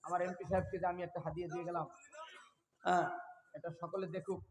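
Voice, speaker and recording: A man's voice: high-pitched, little pitch movement, quick pace, distant mic. A man with a Bangladeshi accent preaches to a religious gathering, exhorting listeners and prompting them to respond. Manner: exhorting, prompting the crowd with questions. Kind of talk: religious gathering address with calls for audience response. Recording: echoey hall with clear crowd behind.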